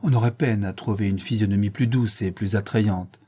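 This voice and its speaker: A man reading a literary audiobook aloud, with expressive narration that lifts when he voices the characters. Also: on the low side, moderate pace, husky. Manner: expressive reading, lifting his voice for quoted characters. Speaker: audiobook reader.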